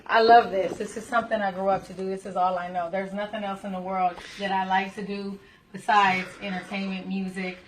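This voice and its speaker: A woman's voice: medium pitch, level tone, a little fast, a little hiss or hum, low-quality recording. A woman, a singer guesting on a radio show, speaking earnestly and upbeat. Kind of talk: casual radio interview.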